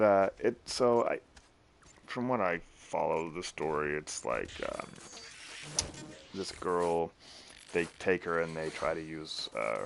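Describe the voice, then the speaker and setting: A man's voice: deep voice, gravelly, background noise. A man streaming a video game, casually rambling and laughing as he explains it. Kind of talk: casual gameplay commentary.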